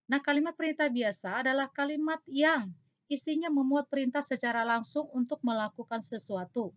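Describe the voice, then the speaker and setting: A woman teacher walks through a grammar lesson point by point, measured and explanatory. Her voice sits a little high. The recording is dry and somewhat dull, like a lo-fi home setup. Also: no echo.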